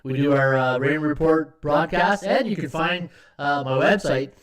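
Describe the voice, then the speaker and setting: Man, fairly high voice, chatty livestream host, lots of fillers, echoing tunnel sound, cheap USB mic. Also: moderate pace. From Canada. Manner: chatty, greets viewers by name, many "uh" fillers. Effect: echoing tunnel-like sound on his microphone. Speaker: sports betting livestream host. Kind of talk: casual livestream chat. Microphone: USB desktop microphone. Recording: echoey hollow mic sound.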